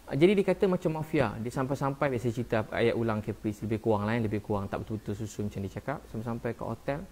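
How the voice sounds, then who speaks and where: A man with a Malaysian Malay accent, a preacher talking casually on a live stream, soft-spoken and earnest, often saying "ha" and "Masya Allah". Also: mid-range voice. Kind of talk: casual live-stream talk answering viewers.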